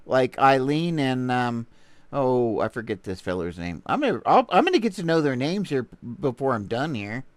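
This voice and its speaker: Animated Texan man rambling on a livestream. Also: mid-range voice, normal speed, no room sound. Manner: rambling, playful, talks to viewers while browsing. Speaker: livestream host. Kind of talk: casual livestream commentary.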